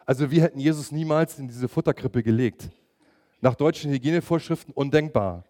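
A man's voice: medium pitch, brisk, warm tone. A middle-aged man preaching a sermon, emphatic and asking his listeners direct questions.

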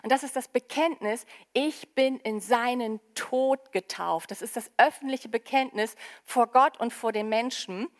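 A woman delivers a sermon to her church in a lively, conversational manner, with a voice a little higher than most. She mixes Bible reading with casual asides to the congregation. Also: unhurried, hardly any pauses. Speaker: preacher.

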